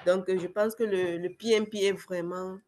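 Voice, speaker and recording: A former client, a young adult woman whose cold affects her voice, speaks hesitantly with many fillers and restarts while giving a casual testimonial on a video call webinar. Her fairly low, darkish voice holds a steady tone at a moderate pace, with a little hiss or hum.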